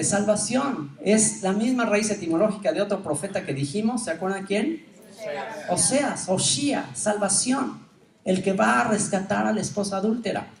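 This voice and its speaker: A man gives an animated conference teaching, asking his audience questions and laughing often. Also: high-pitched, vocal fry. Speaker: teacher giving a conference talk. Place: conference hall. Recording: roomy hall sound from a distance, faint ambience.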